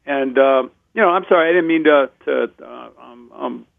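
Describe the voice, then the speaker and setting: A man's voice: medium pitch, normal speed, creaky, no echo. A man calling in to a talk radio show, chatting eagerly and apologizing when he gets ahead of the host. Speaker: caller. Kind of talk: phone-in conversation. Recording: tinny phone line.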